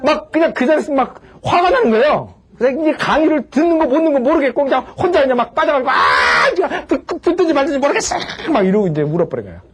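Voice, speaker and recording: A man preaching in Korean, telling a personal story with animated swings from hushed to crying out, acting out the voices he quotes. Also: very high voice, fast talker, few pauses, a little hiss or hum. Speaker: pastor and lecturer. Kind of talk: sermon-style storytelling lecture.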